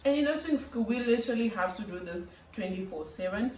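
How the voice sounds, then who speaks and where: A young woman talks through nursing school advice in an earnest, instructive vlog, stacking up lists of tasks. Her voice sits mid-pitch and comes from a little way off the mic. The room is echoey. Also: expressive, fairly quick, a little mellow, a little hiss or hum. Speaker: nursing student vlogger. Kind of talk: advice vlog talking to camera. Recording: roomy, slightly distant mic.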